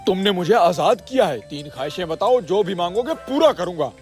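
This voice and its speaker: Some guy doing a pushy blue cartoon genie, high voice, music faint behind. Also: expressive, fairly quick, a little mellow. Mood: coaxing. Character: blue magic genie, eager male servant. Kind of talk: cartoon voice acting.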